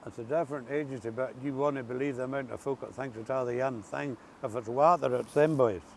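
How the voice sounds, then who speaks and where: A man's voice: brisk, gravelly. An older man with a rural Ulster accent, chatting and telling stories casually as an interview guest outdoors. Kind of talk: casual storytelling chat. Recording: steady background noise, outdoor rumble.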